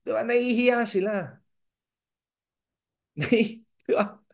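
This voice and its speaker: A man from the Philippines giving a motivational seminar talk as a business mentor, animated and asking the audience rhetorical questions. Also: high-pitched, slow pace, gravelly. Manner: animated, acts out dialogues in raised voices.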